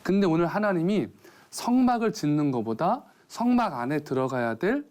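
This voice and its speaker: A man's voice: fairly high pitch, big pitch swings, moderate pace, darkish tone. A man, a pastor on a TV program, preaching in a chatty storytelling way and asking listeners questions. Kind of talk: TV sermon with a joke story. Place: TV studio.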